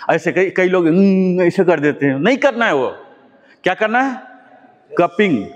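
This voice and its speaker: A man teaching a live yoga class, his slightly high voice ringing with a long echo off the room. He breaks every step down patiently, repeating key words and dropping English terms into his explanations. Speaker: yoga instructor. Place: yoga class with students present. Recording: long echoing room reverb.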